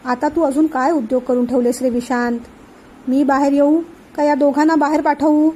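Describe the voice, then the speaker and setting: Woman reading stern angry uncle, scolding, impatient, high voice, mellow tone. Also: fairly even intonation, moderate pace, slight background noise, close to an everyday voice.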